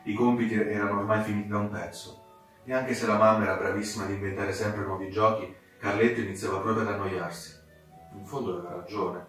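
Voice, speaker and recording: A man narrating a fairy tale for children with expressive, dramatic delivery. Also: fairly low pitch, quick pace. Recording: very echoey room, distant mic, soft music.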